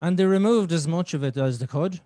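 A man's voice: on the high side, fairly quick, warm tone, dry recording, studio quality. A man hosting a podcast in casual, candid conversation, with a blunt, sweary, joking manner. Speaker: podcast host.

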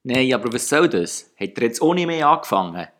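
A man's voice: mid-range voice, sing-song, a little fast, fairly bright tone. A man with a Swiss German accent hosting a podcast in a conversational moderating style. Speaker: podcast host. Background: music.

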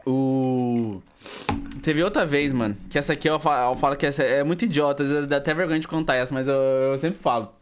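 A man's voice: mid-range voice, brisk, slight background noise. A young Brazilian man with a Brazilian accent, telling rambling school stories full of slang fillers in a casual podcast chat with friends. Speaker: podcast co-host. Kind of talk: casual storytelling among friends.

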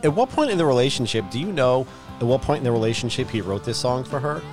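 Male co-host, mid-pitched, teasing, crude humor, with soft music underneath. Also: very animated, fast. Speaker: podcast co-host. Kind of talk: casual chat. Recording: faint music behind the voice. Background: recorded music.

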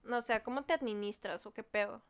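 A woman's voice: fairly high pitch, fast talker, clear, resonant tone, dry recording. A young woman with a Mexican accent, co-hosting a podcast in casual chat and telling stories full of slang and swearing. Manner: animated storyteller, peppers speech with slang and swearing. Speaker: podcast co-host.

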